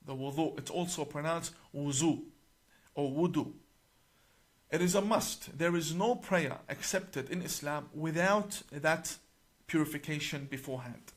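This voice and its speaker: A man with a somewhat high-pitched voice delivers an explanatory talk straight to camera. His manner is deliberate and emphatic as he works through his sources page by page, stressing key points. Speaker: religious cleric.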